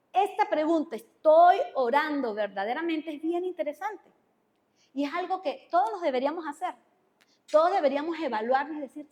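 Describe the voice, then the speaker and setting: A woman's voice: sits high, a little mellow. A woman with a Venezuelan Spanish accent preaching a sermon to her congregation, talking conversationally and asking them questions. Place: church hall. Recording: long church hall reverb.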